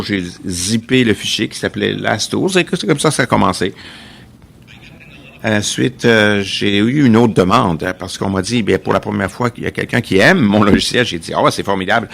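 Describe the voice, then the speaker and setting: A man interpreting a technical talk live, in a halting way with restarts. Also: fairly low pitch, creaky, a bit bright. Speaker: conference interpreter.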